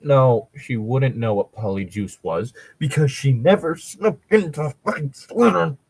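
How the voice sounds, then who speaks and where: Co-hosting an irreverent fan fiction read-aloud, this man mixes mock dramatic reading with crude banter and free swearing between lines. His medium-pitched voice is creaky and darkish with a breathy edge, delivered at a measured pace, with no echo.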